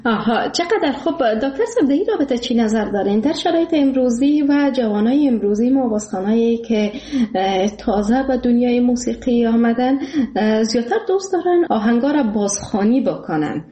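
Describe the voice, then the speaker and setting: Polite female radio host with an Afghan Dari accent, higher voice, mellow, slightly echoey room. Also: expressive. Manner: polite and respectful, with hesitations. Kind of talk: radio interview.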